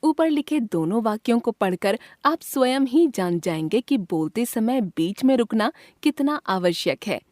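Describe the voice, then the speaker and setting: Lively, higher-voiced woman reading a lesson. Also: no room sound, clean studio sound. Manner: clear, measured, expressive reading of example sentences. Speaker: grammar textbook narrator. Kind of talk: scripted textbook lesson reading.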